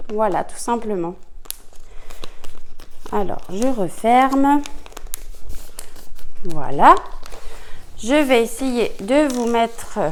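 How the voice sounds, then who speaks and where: Woman, casual crafts vlogger; slow, slightly high voice, lots of fillers and hesitations. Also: slight background noise. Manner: chatty, hesitant with many fillers, gushing over colours. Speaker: cross-stitch vlogger. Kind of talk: casual product unboxing chat.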